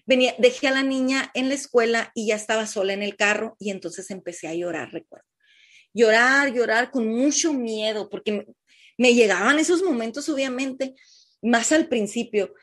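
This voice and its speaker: A middle-aged woman with a Mexican Spanish accent telling the listeners her personal cancer story in a heartfelt, halting way. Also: fairly high pitch, lively intonation. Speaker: breast cancer patient sharing her story. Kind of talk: emotional personal testimony.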